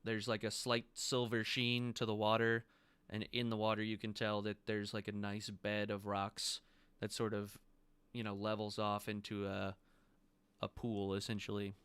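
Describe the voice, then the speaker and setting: A man's voice: on the low side, completely flat delivery, normal speed, a bit bright, clear, resonant tone, no room sound. A man narrating a tabletop game as game master, describing scenes loosely with casual fillers.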